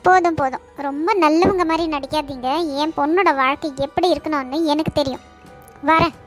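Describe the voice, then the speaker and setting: A woman's voice: high voice, brisk, natural voice. A woman voicing a bitter, spiteful middle-aged sister-in-law in a cartoon, with a cutting, taunting manner. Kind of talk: cartoon voice acting. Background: faint background music.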